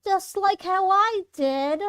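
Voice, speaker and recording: A woman's voice: extremely high pitch, slow, fairly bright tone, no echo, voice pushed up, exaggerated voice. A woman voicing a creepy monster girl who taunts in a sweet, sing-song way. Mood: sweetly menacing.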